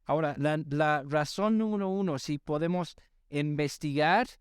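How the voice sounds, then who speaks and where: Man, pastor, sermon to a congregation, smooth resonant voice, dry close sound, emphatic, asks the crowd questions. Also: a little high, normal speed, no room sound. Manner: emphatic, keeps asking the audience to respond. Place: church service with live congregation.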